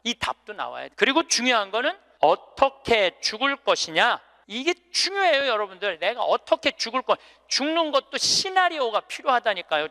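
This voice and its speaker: A middle-aged priest delivers a talk with a high, bright voice that swings widely in pitch. He throws rhetorical questions at the audience and acts out the people he quotes. The delivery is animated and emphatic. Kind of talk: lively sermon-style lecture.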